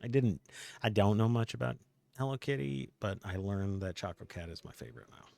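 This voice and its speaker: A man's voice: on the low side, fairly quick, gravelly, a little mellow. A man streaming a video game, chatting casually with swearing and laughing asides.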